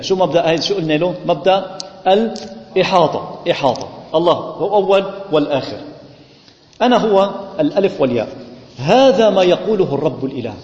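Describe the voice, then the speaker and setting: Priest, quick and high, echoey hall. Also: male voice. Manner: asks the congregation questions and answers them himself. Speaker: priest teaching scripture. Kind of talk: Bible study sermon. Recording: echoey hall, muffled lo-fi sound.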